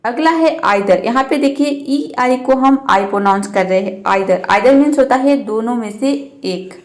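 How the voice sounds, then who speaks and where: A woman with a high voice teaches pronunciation as a patient lesson. She spells out letters, then says each example word slowly, often twice, before explaining its meaning. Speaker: English teacher. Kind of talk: Hindi-language pronunciation lesson.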